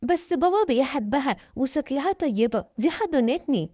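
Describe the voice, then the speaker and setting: A woman voicing a gentle, fearful six-year-old girl. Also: high-pitched, animated, moderate pace, no room sound, clean studio sound, pitched above the performer's own voice. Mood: timid. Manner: fearful, soft.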